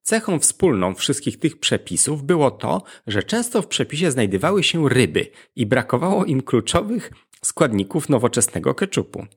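The host of a scripted educational podcast explains things directly to his audience, sounding very animated at a normal speed with few pauses. His voice sits in the middle range and is husky, with a good deal of creak.

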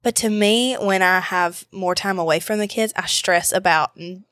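A woman co-hosting a podcast in casual, informal conversation, her voice a little hoarse. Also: mid-range voice, moderate pace, fairly bright tone, no echo, studio quality. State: hoarse, voice recovering after losing it. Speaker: podcast co-host. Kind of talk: casual chat.

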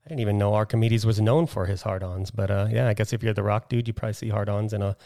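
A man co-hosts a casual chat in a somewhat low voice. He talks in a loose, chatty way and drops jokes as he goes. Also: fairly even intonation, quick pace, creaky, warm tone. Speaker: podcast co-host.

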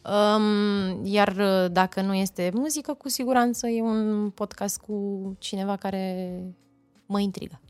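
A woman, an actress, chatting as a podcast guest, pausing often to search for words. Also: medium pitch, fairly even intonation, darkish tone, clear, resonant tone, dry recording. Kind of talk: casual interview chat.

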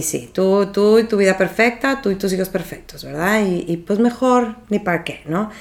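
A woman with a Mexican accent giving a reflective motivational talk, conversational and often checking in with her listeners. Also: medium pitch.

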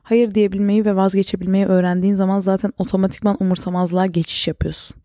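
A young woman hosting a casual solo podcast, rambling and self-mocking with quick jokey asides. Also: medium pitch, little pitch movement, warm tone, dry recording, clean studio sound. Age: young adult. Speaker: podcast host and YouTuber.

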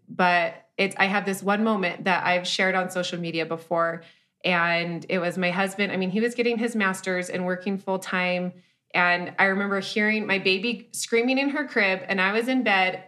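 A woman in her thirties talks openly as a guest in a relaxed interview. Her voice is bright and clear, and her speech wanders with restarts and fillers as she tells her story. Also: fairly low pitch, normal speed. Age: 30s. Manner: candid, rambling with frequent restarts and "like". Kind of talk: casual conversational interview.

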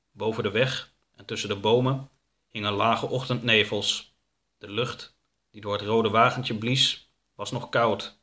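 A man narrating a storybook in a calm, measured way. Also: lowish voice. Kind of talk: storybook reading.

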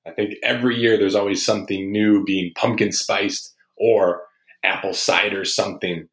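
Chatty low-voiced male podcast host. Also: steady tone, moderate pace, fairly bright tone. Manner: chatty, informal. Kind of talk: casual podcast intro. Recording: roomy echoey recording.

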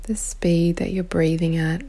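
A woman guiding a meditation in a calm, soothing way, with long pauses and a soft, breathy, partly whispery voice. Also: on the low side. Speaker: meditation guide. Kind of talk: guided meditation.

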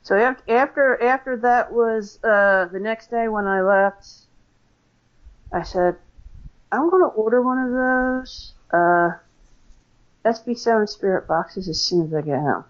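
An American woman chats through her stories as an interview guest, filling her talk with ums and false starts. Her voice sits at an ordinary middle pitch. The recording is somewhat dull and lo-fi. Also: unhurried. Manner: chatty, many fillers and restarts. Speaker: paranormal investigator guest. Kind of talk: casual interview storytelling.

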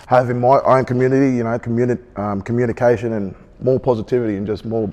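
A young Australian man in his twenties, speaking on a youth panel in a halting way, often repeating himself. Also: mid-range voice, steady tone, dark tone, big-room sound. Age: 20s. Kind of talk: casual discussion.

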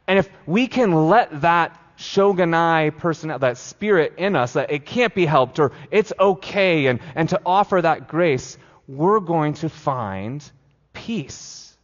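Male pastor, casual filler-heavy sermon delivery, lo-fi recording with long church reverb. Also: a little high. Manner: casual, filler-heavy preaching with frequent "like" and restarts. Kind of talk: conversational sermon. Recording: dull lo-fi sound with long hall reverb.

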